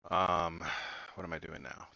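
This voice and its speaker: A man's voice: sits low, fairly even intonation, a little slow, gravelly, bright, forceful tone, smooth, dry recording, lo-fi sound. A man on a choppy voice call that keeps cutting out, chatting casually while fiddling with his setup. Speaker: friend on a voice call. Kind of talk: casual chat.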